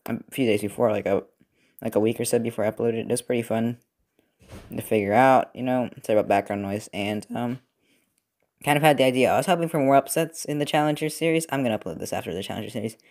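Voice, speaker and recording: A young man talks casually in a mid-pitched voice while he works. He rambles, with many fillers and restarts. His pitch sits neither high nor low. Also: fast, darkish tone. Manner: rambling, filler-heavy, self-correcting. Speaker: robot-building video creator. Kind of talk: casual commentary while working. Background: TV football game.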